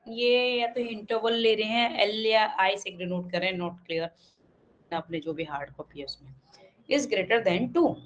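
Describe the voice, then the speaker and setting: A woman with an Indian accent teaching an online math class. She reads English lines slowly and explains them in Hindi, with many fillers and frequent checks of "okay". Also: medium pitch, highs cut off. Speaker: math tutor.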